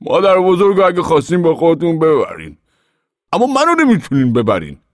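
A man voicing a stubborn, defiant old grandfather farmer who shouts and drags out his words. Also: medium pitch, sing-song, no echo, clean studio sound, pitched above the performer's own voice. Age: older.

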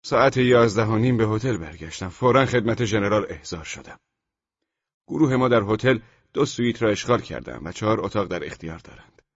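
Husky-voiced man reading a novel aloud. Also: on the low side, animated, no echo, dull audio. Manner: measured storytelling, with the dialogue lines acted out loudly. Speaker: audiobook narrator. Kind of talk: scripted literary narration.

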